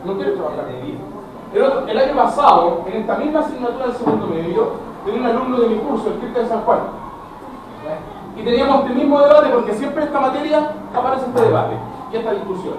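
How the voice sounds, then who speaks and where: A Chilean man in middle age teaches a classroom lecture with a fairly high voice, talking straight to his students. He is picked up from far across the room, so his voice booms in a very echoey space with clear background noise. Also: brisk. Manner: animated, addresses students directly, acts out dialogues. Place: school classroom. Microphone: camera at a distance.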